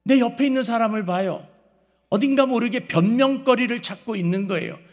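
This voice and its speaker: A man's voice: very high-pitched, a little fast. A man preaching a sermon as a pastor. He asks the listeners questions and answers them himself, and he acts out the voices he quotes. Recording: long hall reverb.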